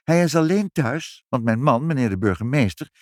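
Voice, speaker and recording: A man's voice: animated, normal speed, a little mellow, dry recording, clean studio sound, close to an everyday voice. A man voicing a proud, pompous mayor's wife in a children's storybook, with a gushing, prim manner. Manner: gushing, boastful, high and prim.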